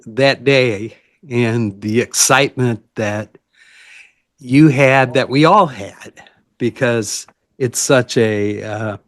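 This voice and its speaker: A man hosting an interview, asking thoughtful questions at an unhurried pace. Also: medium pitch, dry recording, clean studio sound. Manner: slow, gravelly, thoughtful. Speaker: podcast host.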